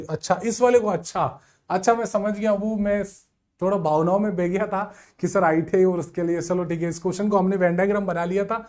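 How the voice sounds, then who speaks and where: Lively Hindi-speaking male coaching teacher. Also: high voice. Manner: lively, addresses students as sir, beta and bhaiya, rhetorical questions. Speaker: online exam coaching teacher. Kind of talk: live class lecture, explaining reasoning problems.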